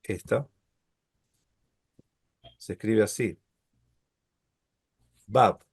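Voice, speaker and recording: A middle-aged man teaching a live online Hebrew lesson, explaining letters slowly and patiently and often checking with "¿sí?". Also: on the low side, vocal fry, breathy edge, no echo, studio quality.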